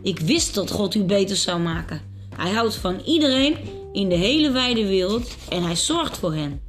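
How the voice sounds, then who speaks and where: A woman reading aloud, voicing a small, hopeful young servant girl who speaks eagerly in a raised, bright voice. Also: mid-range voice, big pitch swings, normal speed, soft background music, natural voice. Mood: joyful.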